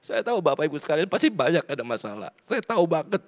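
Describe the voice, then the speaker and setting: A man from South Sumatra preaching a sermon to his congregation, swinging between loud pleading and hushed prayer. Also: on the high side, very animated, quick pace. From South Sumatra, Indonesia. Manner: repeats words, addresses congregation directly. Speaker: pastor. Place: church.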